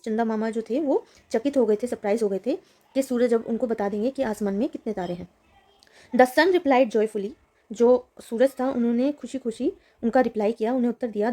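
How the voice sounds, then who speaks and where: A woman teacher leads a children's reading lesson. She reads each story line slowly and then explains it in Hindi. Her voice sits a little high but sounds soft and mellow. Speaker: English teacher.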